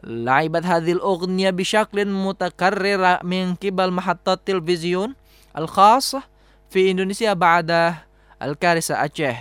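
A man's voice: high-pitched, fairly quick, a bit bright, clear, resonant tone, dry recording. A man presenting a radio programme, reading a prepared script. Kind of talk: scripted radio narration in Arabic.

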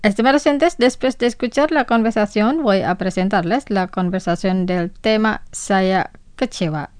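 A woman presenting a scripted radio language lesson, formal and clear, saying each word twice for listeners to repeat. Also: medium pitch, moderate pace, faint music behind.

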